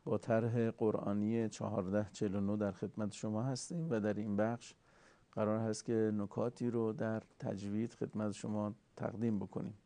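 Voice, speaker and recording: A man giving a formal recitation lesson, courteous and deliberate, slowly drawing out sounds to show how they are made. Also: lowish voice, little pitch movement, dark tone, no room sound. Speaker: Quran recitation teacher.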